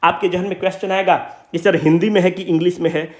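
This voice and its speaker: A man's voice: sits high, fairly even intonation, fast talker. A young man, teaching exam aspirants in an informal coaching talk, emphatic and pleading, repeating himself and mixing in English terms.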